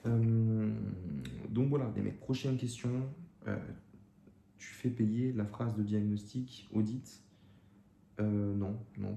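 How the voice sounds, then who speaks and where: Young man, casual gravelly Q&A chat. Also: lowish voice, mellow. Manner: casual slangy talk with many fillers and restarts. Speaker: YouTube creator answering viewer questions. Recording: echoey room with faint ambient noise.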